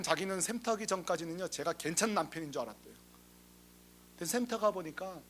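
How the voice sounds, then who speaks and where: A male senior pastor with a notably high-pitched voice delivers a sermon full of lively, funny stories, slipping into the voices of the people in them. He keeps turning to the congregation with rhetorical questions.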